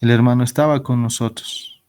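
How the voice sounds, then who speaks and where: A man's voice: medium pitch, fairly even intonation, normal speed, a little mellow, smooth. A man teaching a Bible class as pastor, asking rhetorical questions and acting out quoted voices.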